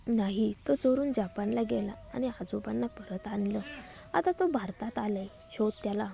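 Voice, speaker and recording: A stern, domineering young rich man barks short orders and sneers sarcastically, as a woman narrator puts him on. The voice stays dark and mellow, close to the reader's own low-key storytelling tone. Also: moderate pace, creaky. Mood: stern commanding. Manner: curt, commanding and sarcastic.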